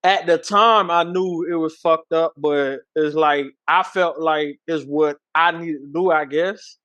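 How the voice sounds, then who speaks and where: A man in casual chat, speaking in a halting, reflective way. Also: fairly high pitch, steady tone, a bit bright, smooth, dull audio. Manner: halting, reflective, restarts sentences.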